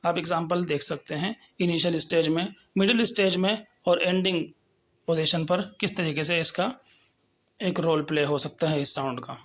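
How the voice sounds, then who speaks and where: A man teaching English pronunciation, explaining step by step and slowly sounding out example words. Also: sits high, a bit bright. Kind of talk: lecture on phonetics.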